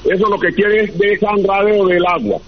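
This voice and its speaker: On a muffled call carrying faint noise, a radio caller speaks in a high, steady voice at a normal pace. He's earnest and long-winded as he airs complaints about local matters.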